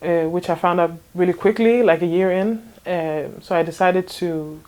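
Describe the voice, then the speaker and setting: A woman in her twenties from Denmark answers interview questions in a relaxed, casual way. Her voice sits fairly low for a woman. She hesitates often, restarts her sentences and laughs lightly between thoughts. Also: normal speed. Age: 20s. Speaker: interview guest, fashion designer.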